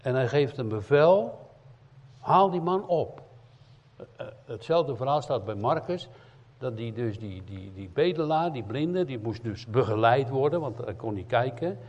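A man preaching a sermon in as an evangelist, emphatic, swinging between loud cries and quiet earnest asides. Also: mid-range voice, expressive, moderate pace. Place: church hall. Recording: dull lo-fi sound in a reverberant church hall.

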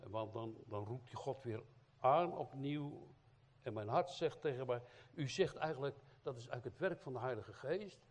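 Husky Dutch-speaking man preaching informally. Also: mid-range voice, animated, normal speed. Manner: informal preaching with frequent tag questions and fillers. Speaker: evangelist preacher. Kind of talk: sermon.

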